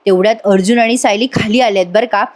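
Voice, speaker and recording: A woman's voice: mid-range voice, steady tone, fast. A woman giving a chatty voice-over recap of a TV serial, talking to viewers directly. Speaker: TV serial reviewer.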